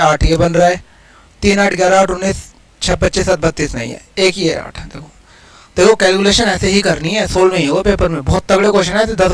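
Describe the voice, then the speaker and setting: A man teaching maths in a casual exam-prep lesson, explaining each step aloud and counting digits quickly. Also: sits high, rough recording. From India.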